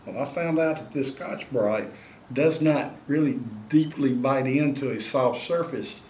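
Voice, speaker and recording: A man's voice: mid-range voice, unhurried, a little mellow, echoey room, slight background noise. Folksy man demonstrating turkey calls. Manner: folksy, drawling, addresses viewers as y'all. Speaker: turkey call maker and instructor. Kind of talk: demonstration tutorial.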